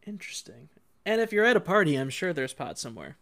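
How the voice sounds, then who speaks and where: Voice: medium pitch, very animated, fast, a bit bright. A podcast host chatting casually and joking crudely, with some swearing. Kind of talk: casual comedic podcast chat.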